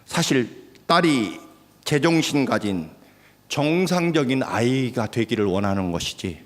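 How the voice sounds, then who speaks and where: A male pastor delivers a sermon in a church sanctuary, his voice ringing with a long hall reverb. His delivery is lively in pitch, rising to loud, stirring exhortation and then dropping to near-whispered emphasis. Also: unhurried. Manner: dramatic swings between loud exhortation and hushed delivery.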